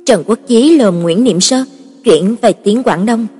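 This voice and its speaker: A woman reads a novel aloud in a steady, even voice. Her tone is husky and breathy. Long reverb and faint music sit behind her. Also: medium pitch, unhurried. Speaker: audiobook narrator. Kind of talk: scripted novel narration. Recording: reverberant, with soft background music.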